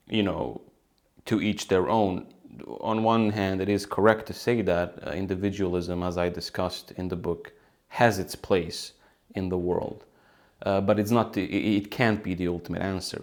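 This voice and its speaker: A young man from Bosnia speaking reflectively to the camera at home, pausing often with fillers and restarts as he works through his thoughts. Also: deep voice, darkish tone. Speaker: author and video host. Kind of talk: reflective solo talk to camera. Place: room at home by a sunny window.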